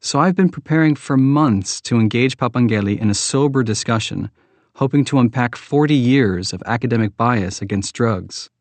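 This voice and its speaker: A man reading a nonfiction book aloud in a steady, measured narration. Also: medium pitch, no room sound. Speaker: audiobook reader.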